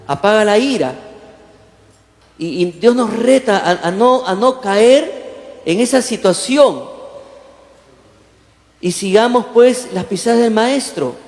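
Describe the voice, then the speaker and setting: A man preaching a lively sermon as pastor, often asking the congregation questions and acting out the quotes he tells. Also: high-pitched, slow pace, pauses often. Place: church hall. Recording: echoey church hall, long reverb.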